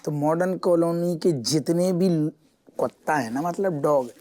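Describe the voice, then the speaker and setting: A man's voice: a little high, unhurried, mellow, close to an everyday voice. A man playing a bumbling constable. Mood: comic. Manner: rustic, cajoling, comic. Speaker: police constable. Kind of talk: sitcom acting.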